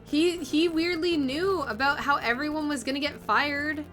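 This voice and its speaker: Animated woman streamer thinking aloud. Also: high voice, moderate pace. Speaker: voice actress streaming a game. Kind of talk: live-stream game commentary and reading lines aloud.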